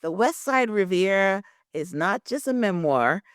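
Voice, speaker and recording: A woman's voice: mid-range voice, expressive, measured pace, no room sound, clean studio sound. Chatty woman from Guyana hosting a podcast. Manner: chatty, with frequent "very nice" and "um" affirmations. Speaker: podcast host. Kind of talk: podcast interview with reading of a synopsis.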